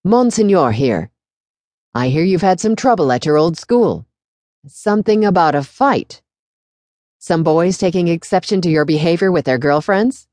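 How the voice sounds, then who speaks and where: A woman reading as a jovial, squat old monsignor with a dark, mellow tone, sighing and chuckling at his own jokes. He talks in a close, dry, intimate way, good-humored even when exasperated, in an audiobook story. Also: lowish voice, moderate pace, dry recording, lightly acted. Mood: jovial welcome. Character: jovial squat older male priest, monsignor.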